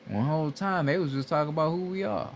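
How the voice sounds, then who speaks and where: This male spiritual teacher talks fast in a fairly high voice with lively intonation, and a faint hiss or hum sits under the audio. His casual, motivational talk is blunt and repetitive, packed with profanity as he pushes people to wake up.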